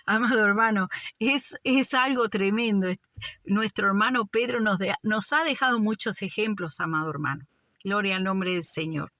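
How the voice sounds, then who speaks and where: Bright-voiced woman preaching a fervent sermon. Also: medium pitch, moderate pace, no echo, clean studio sound. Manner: fervent, addresses "amados hermanos" often.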